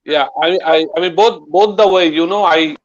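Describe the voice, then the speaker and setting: A tabla guru, a man, explaining in a slow, halting way and reciting drum syllables in rhythm. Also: on the high side. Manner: slow, halting, mixes English and Bengali, recites bols rhythmically. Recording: slightly dull lo-fi audio.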